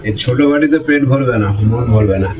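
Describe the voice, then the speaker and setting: A man's voice: mid-range voice, fairly quick, a crowd in the background, rough recording. A man casually tasting a home-cooked dish and praising it in a cheerful way. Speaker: family member tasting the dish. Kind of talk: casual chat.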